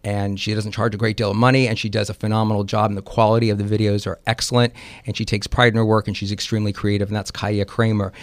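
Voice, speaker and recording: A man with a fairly low voice talks casually as a radio guest, rambling through his points with plenty of ums and little laughs. The sound is dry and close, with no room around it. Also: flat delivery, fast talker, dry recording. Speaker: attorney. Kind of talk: casual radio interview chat.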